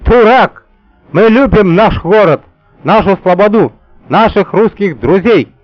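Brief: male reader playing a pompous German ambassador, shouting drill-style, thick accent, raised voice. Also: high-pitched, lively intonation, a little slow, dry recording, highs cut off, soft background music, voice pushed up. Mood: barking zeal. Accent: put-on German. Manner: barking, loud, parade-ground. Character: blustering German male ambassador, military zeal.

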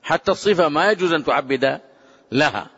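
A man giving a religious lesson as a scholar, speaking emphatically and slowing down to quote prayers. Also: a little high, animated, breathy edge. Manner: emphatic, rising to forceful exclamations; measured, drawn-out quoting of prayers. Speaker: Islamic scholar teaching. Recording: dull lo-fi sound with long hall reverb.

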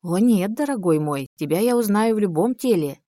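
A woman reading an audiobook, voicing a seductive, cruel female ruler who talks in a soft, rustling, capricious drawl. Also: medium pitch, animated, normal speed, dry recording, studio quality, pitched above the performer's own voice, close to an everyday voice.

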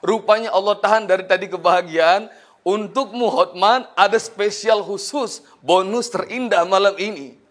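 A middle-aged man preaching a storytelling sermon, emotional, moving between hushed and raised passages. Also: high-pitched, normal speed.

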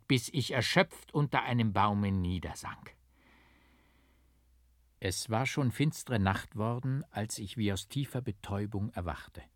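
A male narrator reads a gothic tale with practiced stresses and rhythm, in a middle pitch. The sound is dry and close, as in a studio. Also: no room sound. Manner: expressive, strongly rhythmic and emphatic. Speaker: audiobook reader. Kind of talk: dramatic literary reading. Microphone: close studio mic, dry.

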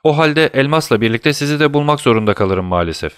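Sherlock Holmes, alaycı ve soğukkanlı dedektif bir erkeğin sesiyle. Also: male voice, medium pitch, quick pace, clean tone, dry recording, studio quality, pitched above the performer's own voice, close to an everyday voice. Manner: calm, teasing, commanding. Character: cool, mocking male detective, middle-aged. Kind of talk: audiobook character voice.

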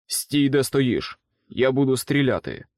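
A man's voice: medium pitch, a little slow, no echo, clean studio sound, natural voice. A man voicing a barking ex-soldier. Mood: barking orders. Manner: loud, commanding shouts. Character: aggressive male ex-soldier barking orders.

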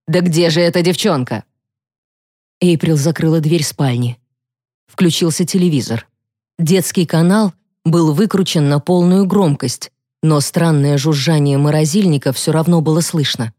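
A woman narrating a psychological thriller audiobook in the first person with a steady, measured reading. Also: sits low, dry recording, studio quality.

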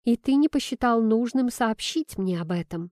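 A woman's voice: a little high, expressive, moderate pace, a little mellow, dry recording, studio quality, lightly acted. A woman reading the lines of a flustered young woman who turns up with wine, in her own lightly raised voice. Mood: irritated. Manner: surprised, then irritated.

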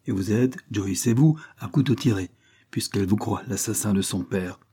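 A man's voice: fairly low pitch, normal speed, warm tone, slightly rough. A man reading aloud voices a brusque, stern old spinster who scolds curtly. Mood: stern scolding. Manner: curt and scolding.

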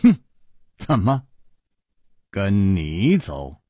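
Guy doing wry cool hero dude, husky voice, dry sound. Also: low-pitched, huge pitch swings, very slow, dry recording, voice pushed down, heavily acted. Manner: wry, composed, gently teasing. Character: calm wry gallant male hero, middle-aged.

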